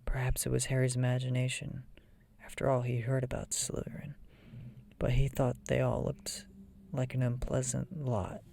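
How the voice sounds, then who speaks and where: A person reading a children's fantasy novel aloud in a soft, breathy ASMR whisper. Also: mid-range voice, completely flat delivery, normal speed. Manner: soft whisper, often voiceless.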